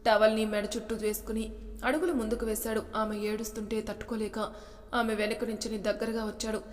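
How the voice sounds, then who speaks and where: Woman storyteller, fairly high voice, long reverberant sound, narrates all the characters. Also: level tone, brisk.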